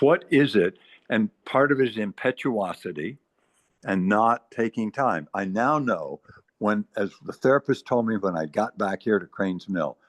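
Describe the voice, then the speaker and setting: An eighty-five-year-old man in casual group chat, speaking haltingly with repeated words while earnestly giving advice. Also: lowish voice, dry recording. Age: 80s. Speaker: meeting participant. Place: retirement community.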